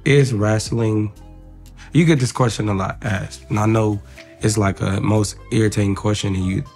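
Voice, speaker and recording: Joking man host with a gravelly voice. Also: fairly low pitch, fairly even intonation, moderate pace, a little mellow, soft background music. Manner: joking, teasing, slangy. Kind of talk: casual interview chat.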